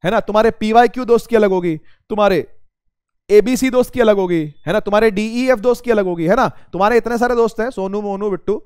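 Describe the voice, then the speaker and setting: A man with a rather high voice explains physics to students in a relaxed, conversational way, often asking a question and then answering it himself. His throat sounds a little strained. The recording is close and dry, with no room echo. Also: quick pace, smooth. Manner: addresses students as beta, asks and answers his own questions. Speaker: teacher. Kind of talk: casual spoken physics lesson.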